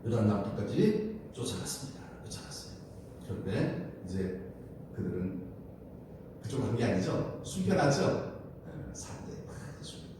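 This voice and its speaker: A man preaching a sermon as pastor at a midweek prayer service, animated, asking the congregation questions and acting out the scenes he describes. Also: fairly low pitch, normal speed, heavy reverb, far from the mic, noisy background.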